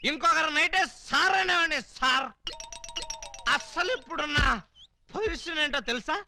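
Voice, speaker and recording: A man's voice: extremely high pitch, normal speed, over music. An actor in a Telugu comedy film playing a drunk man who brashly mocks and insults his boss. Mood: mocking. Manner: brash, mocking, sarcastic.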